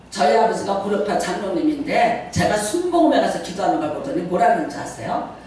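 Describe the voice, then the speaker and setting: Older lady pastor preaching, high voice going all over the place, laughs a lot, far off mic in a big echoey church, bit of noise. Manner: animated and laughing, acts out quoted prayers and voices. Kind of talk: sermon with personal stories. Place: church sanctuary.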